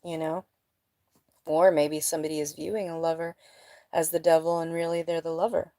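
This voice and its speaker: Tarot reader: a woman with a lowish voice, blunt and emphatic, a bit sniffly, dry close sound. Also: level tone, brisk, mellow, no room sound. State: sniffly nose. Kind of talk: casual live tarot reading. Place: indoors at home.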